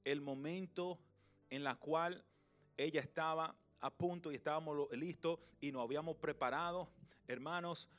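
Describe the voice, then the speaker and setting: Young man, sermon, hushed to loud swings, faint music bed. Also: a little high, steady tone. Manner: storytelling, swings from loud to soft and slow. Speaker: pastor.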